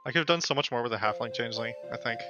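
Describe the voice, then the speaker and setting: A man's voice: mid-range voice, racing, muffled recording. A man chatting casually in a group conversation. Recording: music playing behind the voice. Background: music.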